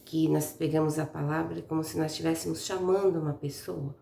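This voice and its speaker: Brazilian woman, teacher, gravelly voice, patient step-by-step explaining, echoey room. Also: deep voice, steady tone, brisk, dark tone. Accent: Brazilian Portuguese. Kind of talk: online school lesson. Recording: echoey room with faint noise.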